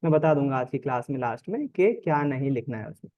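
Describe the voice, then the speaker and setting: A man's voice: medium pitch, lively intonation, fast talker, lo-fi sound. A man teaching an online class, explaining in a conversational way and often checking in with students.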